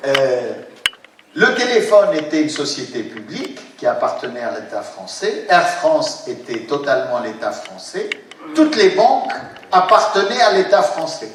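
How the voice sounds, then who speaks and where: High-voiced man lecturing in an echoey hall. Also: fairly bright tone. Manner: hesitant, many fillers and restarts, explanatory. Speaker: university professor giving a lecture. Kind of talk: academic conference lecture. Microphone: distant room mic. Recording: very echoey hall from far off, faint noise.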